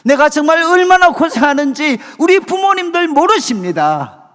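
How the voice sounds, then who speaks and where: A male pastor preaching a sermon with impassioned pleading that swings from hushed to loud. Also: very high-pitched, sing-song, moderate pace. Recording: long hall reverb.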